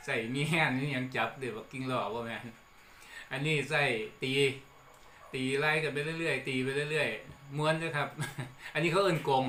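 A middle-aged man with an Isan accent, hosting a relaxed lesson on old regional words and chuckling between points. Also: medium pitch, measured pace. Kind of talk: casual explanatory talk. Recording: echoey room with faint background noise.

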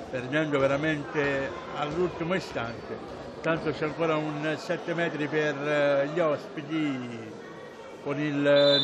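A man giving live handball commentary, pausing as he searches for names and words. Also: fairly high pitch. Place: indoor sports hall, at courtside. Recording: loud sports hall noise, bouncing balls. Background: loud gym ambience and ball bounces.

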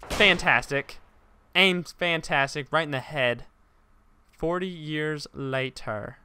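A young man giving let's-play commentary, joking, swearing and shouting as he reacts to the game. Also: on the high side, clear, resonant tone, no room sound. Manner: jokey, profane, quick to shout. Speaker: gaming YouTuber.

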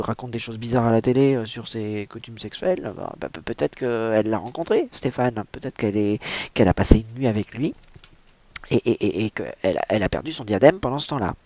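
A man's voice: mid-range voice, fairly quick, a little mellow, dry recording. A man hosting a homemade comic book show, rambling in a hesitant, self-mocking way with frequent fillers and restarts. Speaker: show host reading a book aloud.

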